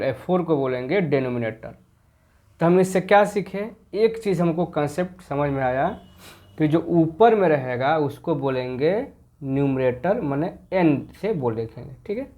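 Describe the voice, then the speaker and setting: A man's voice: a little high, darkish tone. Man teaching a maths lesson. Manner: repetitive, patient explaining, slow when reading English text aloud. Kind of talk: explaining a school maths lesson.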